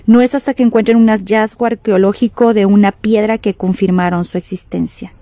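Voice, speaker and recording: A woman preacher delivers a sermon with dramatic emphasis, turning to her listeners with rhetorical questions. Her voice is warm and mellow. The recording is dry, with no room sound. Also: mid-range voice, no echo.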